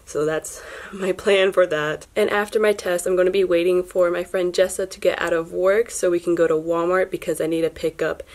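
Filmed on a phone at arm's length in her small dorm room, a young adult woman chats casually for her vlog, poking fun at herself and laughing a lot. She talks briskly with few pauses, in a lowish, darkish voice with fairly even intonation.

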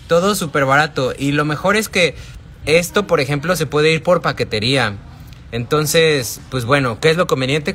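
A man's voice: mid-range voice, a bit bright, slight background noise. A man with a Mexican accent hosting a casual live stream from a shop, talking to viewers by name and answering their chat. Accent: Mexican Spanish. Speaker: live-stream shopping host. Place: indoors in a wholesale shop. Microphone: phone held at arm's length.

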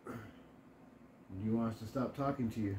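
Low-voiced man in a noisy, echoey room. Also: measured pace. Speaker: co-host of a paranormal investigation video. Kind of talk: spoken questions to spirits and casual chat. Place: living room at home, indoors. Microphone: camera a few feet away. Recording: roomy echo with loud noise. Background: loud noise from a spirit box session.

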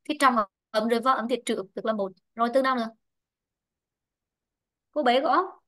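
A woman teaching English online, explaining word-stress rules slowly and repeating herself with many fillers. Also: on the high side, a bit bright. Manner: repetitive, drawn-out explaining with frequent fillers. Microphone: online lesson mic.

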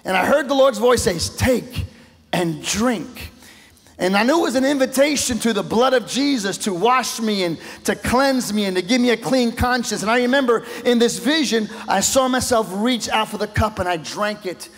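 High-voiced preaching man in an echoing church. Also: fairly quick, few pauses, a bit bright. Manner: impassioned preaching, voice swelling and dropping low. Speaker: pastor. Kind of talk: sermon. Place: church sanctuary. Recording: long echo of a large church hall.

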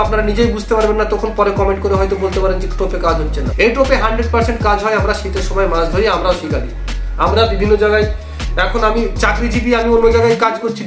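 A young man with a West Bengal Bengali accent, host of a fishing channel, explaining a bait recipe step by step in an earnest, repetitive way. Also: extremely high pitch. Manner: repetitive, earnest instructional talk. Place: small indoor room. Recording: echoey room with background music.

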